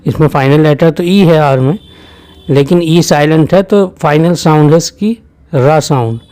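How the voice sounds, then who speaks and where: Man, English teacher, explaining in Hindi, patient, repeats words slowly, a bit high-pitched. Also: mellow, clear, resonant tone. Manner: patient, repetitive, spells out sounds slowly. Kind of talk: explanatory lesson.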